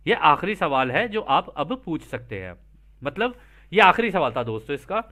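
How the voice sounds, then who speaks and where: Speaking at a moderate pace with a sing-song lilt and sharp tone, a man with a slightly high voice hosts an explainer. He alternates between reading a translated text and explaining it casually, often checking in directly with his listeners.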